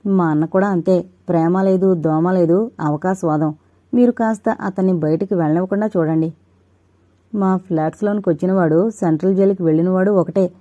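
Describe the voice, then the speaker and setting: A woman reading a story voices a sly, smooth-talking young man who flatters and schemes. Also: on the low side, brisk, no echo, close to an everyday voice. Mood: persuasive. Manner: ingratiating, sly.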